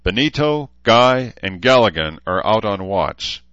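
A man voicing a menacing male warlord who speaks calmly and persuasively, in a slightly muffled recording. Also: lowish voice, measured pace, dry recording, voice pushed up. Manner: calm, persuasive, commanding. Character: menacing male warlord, self-assured and cold. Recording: slightly muffled dry audio.

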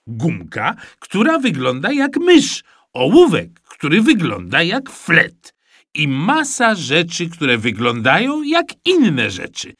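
A man reading a children's story with bright, clear energy and a voice that leaps up and down through its range. The studio recording is close and completely dry. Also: medium pitch, no echo. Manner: lively, expressive storytelling. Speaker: audiobook narrator.

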